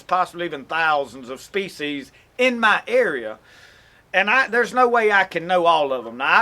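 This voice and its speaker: A man's high, pushed, bright voice carries a Southern accent from Mississippi as he hosts an outdoors channel. He gives a casual how-to explanation, folksy and meandering, stopping now and then to correct himself.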